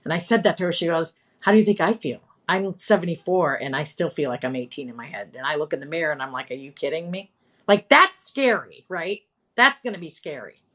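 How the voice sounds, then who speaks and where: A woman's voice: sits low, a little fast. Chatty woman in her fifties. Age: 50s. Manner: chatty, animated, candid, self-deprecating humor. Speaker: live stream guest. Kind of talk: casual chat.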